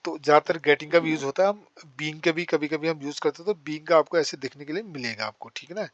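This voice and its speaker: A man teaching English grammar in Hindi, explaining with repeated example sentences and saying the English ones very slowly. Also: on the high side, fairly bright tone, no echo, dull audio.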